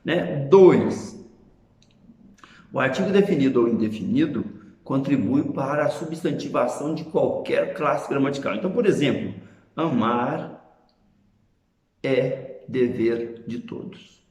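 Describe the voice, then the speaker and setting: A man's voice: mid-range voice, expressive, a little slow, darkish tone, echoey room. A man with a Brazilian Portuguese accent teaching a grammar lesson, explaining patiently and often checking in with short tag questions.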